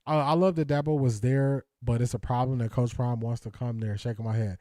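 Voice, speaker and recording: A man hosts a casual sports talk stream, reading out viewer comments and answering them. His mid-range voice is steady, dark and a little fast, captured with studio quality and no room sound. He sounds hesitant, restarting often, using lots of fillers and laughing.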